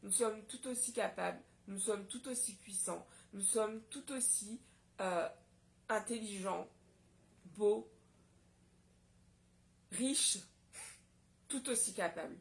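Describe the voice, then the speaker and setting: A woman's voice: medium pitch, slow, gravelly, long pauses. Impassioned woman vlogger from Guadeloupe. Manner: impassioned, indignant. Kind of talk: casual solo vlog monologue.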